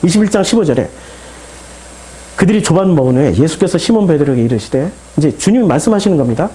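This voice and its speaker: A man's voice: on the high side, lively intonation, fast, dark tone, low-quality recording. A male pastor preaching a sermon, talking emphatically and throwing rhetorical questions to the congregation.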